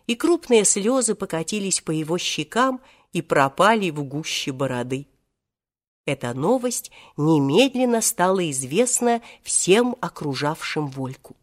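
A woman narrating a children's tale as an expressive, lively audiobook reader. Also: on the low side.

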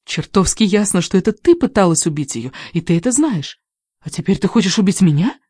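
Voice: medium pitch, very animated, brisk, mellow, slightly rough, no echo, voice pushed up. Reader doing a frightened accusing young woman; dry, close, agitated. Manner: tense, shaky and agitated. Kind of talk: audiobook reading.

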